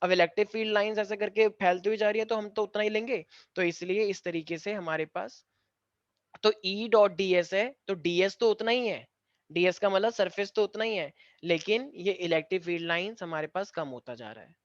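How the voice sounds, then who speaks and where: A man's voice: sits high, moderate pace, no echo. Teasing male physics teacher, dull recording. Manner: teasing, talks to students directly, mixes in English phrases. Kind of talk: classroom lecture. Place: classroom with students.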